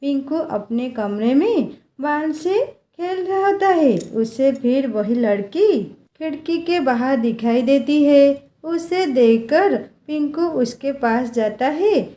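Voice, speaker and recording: A woman storyteller narrating a village tale in a measured, plain way. Her voice is high and mellow, and she takes her time with each line. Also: expressive.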